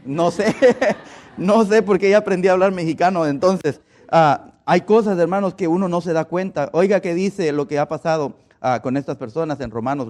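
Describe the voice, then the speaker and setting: A man's voice: fairly high pitch, a little mellow. A man from Guatemala with a Guatemalan Spanish accent, giving a conversational sermon in an earnest way and often repeating words as he looks for them. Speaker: preacher.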